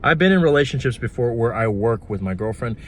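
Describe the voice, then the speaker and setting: A man's voice: mid-range voice, animated, quick pace, a little hiss or hum. A man giving blunt, profane dating and manifestation advice in a casual vlog. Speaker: manifestation coach.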